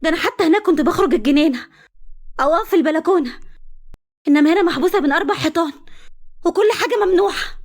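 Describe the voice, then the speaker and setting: A woman's voice: sits high, quick pace, long pauses, voice pushed up, close to an everyday voice. Woman playing a defiant young wife. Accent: Egyptian Arabic. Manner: loud and pleading. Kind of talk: storybook reading.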